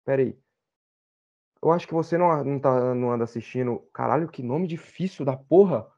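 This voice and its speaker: A man, co-hosting a heated football debate show, loud, exasperated and swearing. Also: mid-range voice, a little fast, lo-fi sound.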